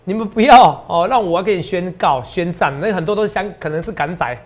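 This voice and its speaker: A man's voice: high-pitched, quick pace. A man with a Taiwanese Mandarin accent hosting stock market commentary. He is emphatic and repetitive and keeps checking in with his listeners. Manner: emphatic and repetitive, often ends lines with a tag question. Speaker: stock market analyst host.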